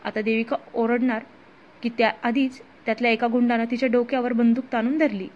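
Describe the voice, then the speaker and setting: Lady reading a dramatic romance story out loud, highish voice, dull lo-fi sound. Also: fairly quick. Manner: dramatic, expressive. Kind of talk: audio story narration.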